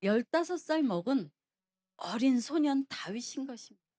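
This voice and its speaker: Woman preacher, sermon, animated storyteller, questions to the congregation, high voice, very expressive pitch. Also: moderate pace.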